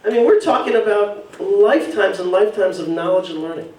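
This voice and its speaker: A man's voice: sits high, fairly quick, a little mellow, echoey room, recorded from a distance, rough recording. A man giving an emphatic public speech from a podium at an evening event, repeating and building his phrases. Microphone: podium mic.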